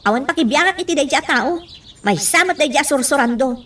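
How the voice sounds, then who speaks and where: A woman's voice: lively intonation, moderate pace, fairly bright tone, distant mic. A woman voicing a bossy, scolding lady of a mansion in a comic radio drama. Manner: scolding, shrill.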